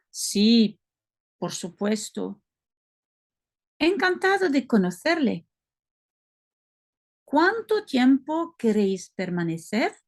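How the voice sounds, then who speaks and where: Belgian French woman teaching, slow deliberate delivery, fry in the voice. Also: a little high, darkish tone. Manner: slow, careful, self-correcting, explaining as she goes. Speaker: language-learning video host. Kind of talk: reading practice dialogue aloud.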